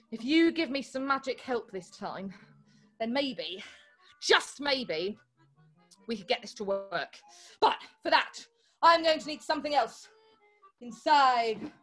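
A woman's voice: high-pitched, fairly bright tone. A young woman hosting a children's show in a goofy, theatrical, mock-dramatic way, talking to kids at home. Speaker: children's entertainer host. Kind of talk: playful kids' show presenting.

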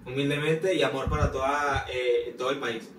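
A man's voice: medium pitch, fairly even intonation, normal speed. A man with a Venezuelan accent chatting and laughing on a podcast. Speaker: podcast co-host. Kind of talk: casual chat. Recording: roomy echo, distant mic, background noise.

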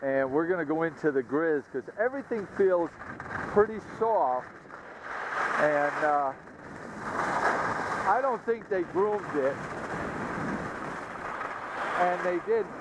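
A man talks casually as he skis, a slightly high voice picked up by a helmet camera outdoors. Heavy wind noise roars over the mic the whole time. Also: slow, long pauses. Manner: chatty, relaxed running commentary. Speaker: skiing vlogger. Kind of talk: casual narration while skiing. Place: outdoors on a ski slope. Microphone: helmet-mounted action camera.

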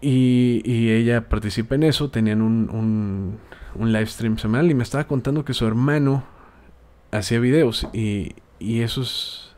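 A Tijuana man with a Mexican accent hosts a casual podcast, offering friendly, rambling advice full of hesitations. His voice sits at medium pitch, moves at a normal speed, and sounds a little mellow. He is a podcast host and video maker.

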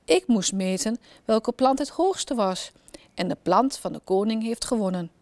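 A woman voicing a calm, matter-of-fact footman in a children's story. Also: fairly high pitch, measured pace, no echo. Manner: dry, businesslike.

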